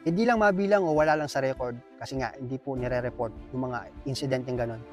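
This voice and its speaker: A Filipino man vlogs in a quick, earnest storytelling voice, voice held at an ordinary middle pitch. Faint music plays softly under his talk. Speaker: vlogger, factory worker. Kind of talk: casual storytelling vlog.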